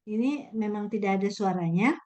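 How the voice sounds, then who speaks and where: A woman's voice: medium pitch, fairly quick, mellow. A woman instructor giving casual, chatty talk in an online class, laughing often, heard over a video call.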